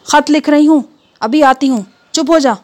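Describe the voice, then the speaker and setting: A woman's voice: fairly high pitch, animated, a little mellow, natural voice. A woman reading the part of a busy, flustered housewife who exclaims and scolds.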